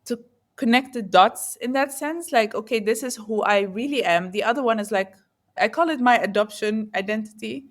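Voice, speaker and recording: Being interviewed as a guest entrepreneur, a woman who grew up in the Netherlands talks at a moderate pace in a fairly high voice. She reflects earnestly and often gropes for the right words.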